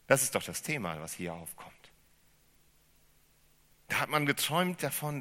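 A man preaching a sermon as pastor, speaking with animated emphasis and putting questions to his congregation. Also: mid-range voice. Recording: reverberant hall.

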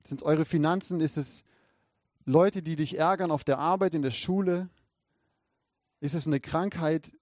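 Earnest German-speaking male preacher, slightly high. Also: moderate pace, pauses often, darkish tone, dry recording, studio quality. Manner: earnest, encouraging, addresses listeners directly. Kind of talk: sermon with Bible reading.

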